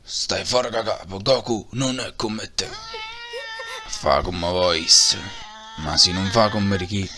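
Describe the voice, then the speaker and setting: A man's voice: fairly low pitch, takes it slowly, a crowd in the background. A man voicing a menacing, domineering alien warrior villain with a Neapolitan accent in an amateur anime parody dub. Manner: threatening, domineering.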